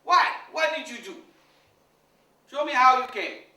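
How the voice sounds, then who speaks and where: A man's voice: extremely high pitch, expressive, moderate pace, pushed and bright, pitched above the performer's own voice, heavily acted. A man voicing a panicky stranded man who exclaims and repeats himself in a frantic way. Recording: echoey hall, far from mic.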